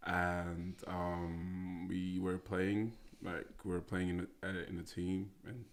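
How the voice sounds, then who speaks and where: A young man from Austria with a very deep, gravelly voice talks as a guest in a casual interview. His pitch stays flat and even, and he speaks haltingly, pausing on fillers and starting over. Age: 20s. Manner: halting, with many fillers and restarts. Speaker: guest, American football player.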